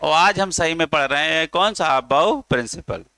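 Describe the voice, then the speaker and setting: Bright-voiced male chemistry teacher. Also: on the high side, lively intonation, normal speed, clear, resonant tone, dry recording. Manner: coaxing, calls students beta, drills them in chants. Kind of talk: classroom lecture. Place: classroom.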